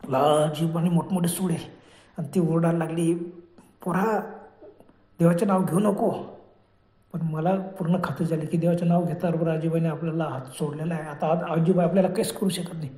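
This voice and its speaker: A man's voice: fairly high pitch, warm tone, reverberant. A man telling a first-person horror story in a dramatic, breathless way.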